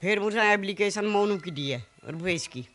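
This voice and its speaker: Fast and pleading, a Haryanvi-accented woman recounts a family fight in a local news interview where her son is the one being interviewed. Her voice sits at medium pitch, expressive and fairly bright, and her emotional story is packed with quoted lines.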